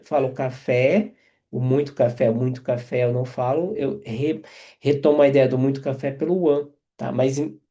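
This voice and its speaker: A man's voice: mid-range voice, mellow. A man teaching French grammar, explaining each example and checking in with listeners as he goes. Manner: repeats and checks in with quick tags.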